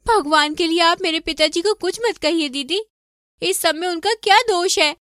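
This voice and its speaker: A woman voicing a meek, poor young daughter-in-law in an animated story, pleading and submissive. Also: very high-pitched, normal speed, dry recording, clean studio sound.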